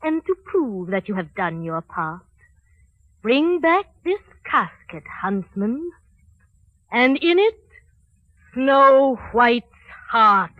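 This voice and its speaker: An actress playing a cold, haughty, jealous queen who gives imperious, measured commands on a dull old film soundtrack. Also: on the high side, very animated, no echo. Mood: menacing.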